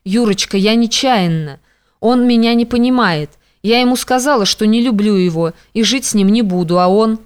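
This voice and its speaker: A woman's voice: mid-range voice, normal speed, natural voice. A woman reading an audiobook, voicing a frightened young woman who pleads timidly through tears. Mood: pleading.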